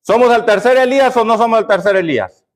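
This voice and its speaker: A male pastor preaching with a notably high voice. He drives the sermon by firing questions at the congregation and supplying the answers, dropping lower for emphasis. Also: quick pace. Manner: call-and-response questioning of the congregation.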